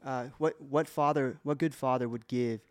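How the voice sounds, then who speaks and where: On a casual faith podcast, a male co-host gives earnest, emotional testimony, restarting his sentences again and again. He speaks at normal speed with a medium pitch and fairly even intonation.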